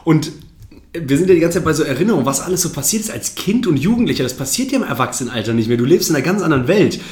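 Animated storytelling man, roomy sound. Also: on the high side, racing. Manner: animated anecdotes, slangy, laughs often. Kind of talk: casual chat, storytelling. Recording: roomy echo.

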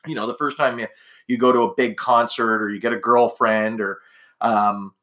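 A man's voice: medium pitch, fairly even intonation, moderate pace, fairly bright tone. A middle-aged man from Canada hosting a casual podcast monologue, rambling chattily and correcting himself in asides. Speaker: podcast host.

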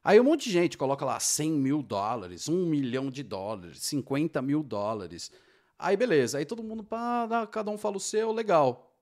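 A man, telling stories in casual conversation as a hypnotherapy guest, in an enthusiastic, animated way. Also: a little high, moderate pace.

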